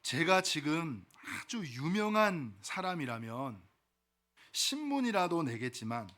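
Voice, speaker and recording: Humble, sincere young salesman, played by a male preacher in a story: bright, earnest. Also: on the high side, big pitch swings, measured pace.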